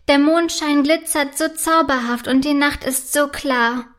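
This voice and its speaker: A woman voicing a young girl princess who is excitable and sleepy, with a bright, eager, girlish voice. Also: sits high, measured pace. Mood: excited.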